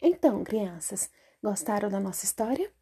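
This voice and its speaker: A woman reading a children's story aloud in a gentle, teacherly way, often hushed. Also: medium pitch, sing-song, moderate pace, husky.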